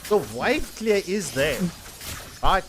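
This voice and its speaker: A man giving live esports commentary in an animated, chatty way, repeating himself for emphasis. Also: high-pitched, takes it slowly. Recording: noisy stream mic with clicks.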